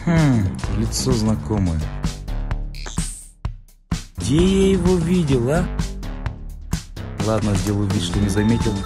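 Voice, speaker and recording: Brooding male acted by a man, slow comic thinking-to-himself voice-over with background music. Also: mid-range voice, big pitch swings. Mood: pondering. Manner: slow, muttering inner monologue. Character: brooding man avoiding greeting an acquaintance. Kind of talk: comedy sketch inner monologue.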